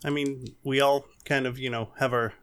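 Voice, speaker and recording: A man's voice: mid-range voice, flat delivery, moderate pace, clear, resonant tone. A man chatting casually, enthusiastic, laughing often and trailing off mid-sentence. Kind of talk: casual chat.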